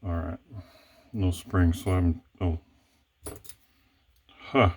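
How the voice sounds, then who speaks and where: Guy with a really deep voice muttering to himself while he picks a lock, lots of restarts. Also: fairly even intonation, extremely slow, slight background noise. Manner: hesitant, self-correcting, muttering to himself. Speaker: lock picking hobbyist. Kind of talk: thinking aloud while working.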